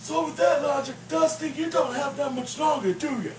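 A man's voice: extremely high pitch, normal speed, voice pushed up. A man voicing a cheeky male sock puppet sidekick from behind a puppet booth, bickering and mock-preachy, heard from a distance. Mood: snarky. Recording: roomy, distant voice with faint noise.

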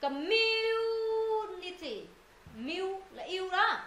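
Woman teacher drilling words over and over, high bright voice, echoey room. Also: moderate pace. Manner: drilling, repeating words, quizzing students. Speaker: English teacher. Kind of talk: live pronunciation lesson to students. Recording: echoey room, faint noise.

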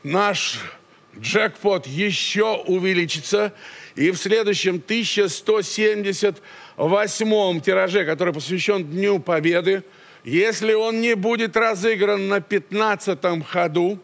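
High-pitched older male bingo caller. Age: 60s. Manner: announces numbers deliberately, adds catchphrases. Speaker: lottery draw host. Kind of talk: bingo-caller number calling with nicknames and quips. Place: large TV studio. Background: music under the voice.

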